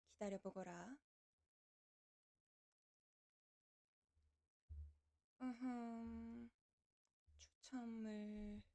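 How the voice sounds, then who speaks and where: A woman's voice: fairly high pitch, a little mellow, natural voice. A woman voicing a kindly, lordly female reaper from the underworld who chats to livestream viewers in archaic speech. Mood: distracted, muttering. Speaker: virtual streamer hosting a debut live broadcast. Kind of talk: in-character livestream chat with viewers.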